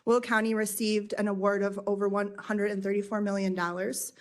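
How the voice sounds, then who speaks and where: A woman's voice: mid-range voice, level tone, a little fast. A woman giving a formal prepared presentation in front of an audience at a public meeting. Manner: formal, addressing a room. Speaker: consultant presenter. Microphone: meeting microphone.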